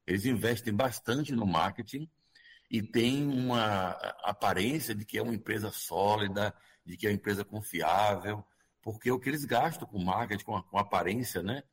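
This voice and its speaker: Husky, lower-voiced Brazilian man. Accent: Brazilian Portuguese. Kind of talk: interview, explanatory talk.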